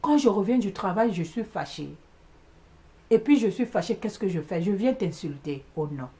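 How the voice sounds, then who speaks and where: Woman, mid-pitched, casual storytelling vlog; emphatic, animated, repeats words, drops in English asides. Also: moderate pace. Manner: mixes in English exclamations. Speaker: vlogger recounting a household conflict.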